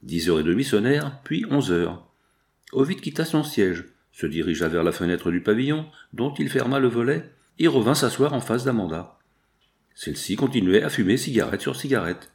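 A man narrating a 19th-century novel in a measured, even reading. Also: mid-range voice, vocal fry. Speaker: audiobook narrator.

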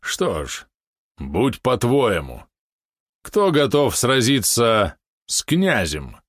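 A man's voice: medium pitch, wildly swooping pitch, takes it slowly, fairly bright tone, no room sound, studio quality, pitched above the performer's own voice, exaggerated voice. A man voicing a commanding warrior prince in an audiobook, stern and mocking.

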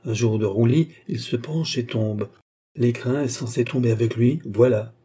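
A man's voice: medium pitch, moderate pace, warm tone, breathy edge, natural voice. A man voicing a scheming swindler who lays out his plots with mocking confidence. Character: cunning, sardonic male swindler.

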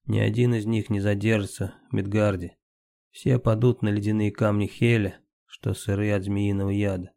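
A man reading a story aloud as an audiobook narrator, steady scripted narration. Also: fairly low pitch, normal speed, creaky, dry recording, studio quality.

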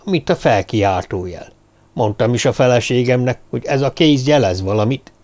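A man's voice: medium pitch, animated, a little mellow, natural voice. A man voicing a simple, talkative shepherd who speaks in plain, matter-of-fact statements, in a storybook reading.

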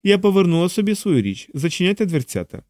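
A man's voice: sits high, wildly swooping pitch, fast talker, mellow, no room sound, pitched above the performer's own voice. Icy sly woman, voiced by a man. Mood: irritated. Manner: cold and curt. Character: cold, sly fur-coated woman.

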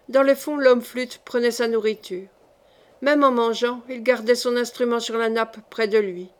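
A woman reading a classic novel aloud as an audiobook narrator, in a measured storytelling manner. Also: a little high. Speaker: audiobook reader.

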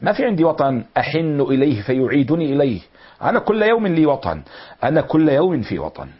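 Male teacher, middle-aged, husky, slow explainer, dull lo-fi recording. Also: fairly high pitch, sing-song. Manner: explains slowly, repeating and glossing words. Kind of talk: lecture explaining classical poetry.

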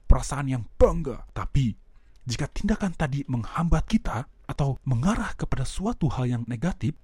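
Dark, husky motivational speaker man. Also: mid-range voice, dry recording. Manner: direct, addresses listeners with questions. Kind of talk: self-help lesson recording.

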